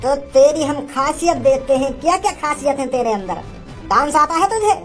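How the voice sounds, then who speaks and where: A woman's voice: high voice, animated, moderate pace, soft background music. A woman voicing a stern middle-aged cartoon father who scolds and bosses the young men around. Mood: bossy. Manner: scolding, bossy. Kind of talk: cartoon comedy dubbing.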